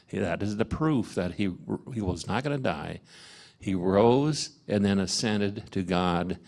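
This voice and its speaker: Low, slow-speaking man leading a Bible study; halting, filler-heavy delivery. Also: animated, darkish tone. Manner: halting, many fillers and restarts. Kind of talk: informal Bible study teaching. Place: parish meeting room.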